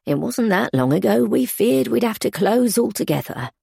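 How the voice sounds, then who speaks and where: A woman voicing a stern, sensible housekeeper who talks in a proper, measured, gently corrective way. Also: medium pitch, sing-song, gravelly, husky, no echo, studio quality, pitched above the performer's own voice, exaggerated voice. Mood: firm, sensible. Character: stern middle-aged housekeeper, prim and sensible.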